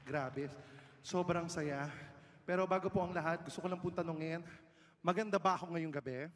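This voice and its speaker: A man's voice: fairly high pitch, a little hiss or hum. A man from the Philippines doing live stand-up, bantering brashly and self-mockingly with the crowd on a big stage. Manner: loud stage calls to the audience. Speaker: stand-up comedian. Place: large live event stage with audience. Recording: reverberant live venue sound.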